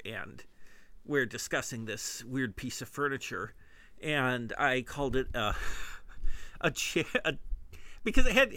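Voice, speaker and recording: A Midwestern man rambling through a comedic monologue, cracking himself up at his own wordplay. His voice is bright and gravelly, and it sounds close and dry, with no room around it. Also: on the high side, dry recording. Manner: giggly, self-amused punning. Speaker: podcast host.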